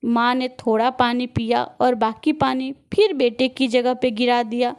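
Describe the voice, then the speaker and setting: A woman narrating a moral story in a measured, even way. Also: fairly high pitch, clean tone.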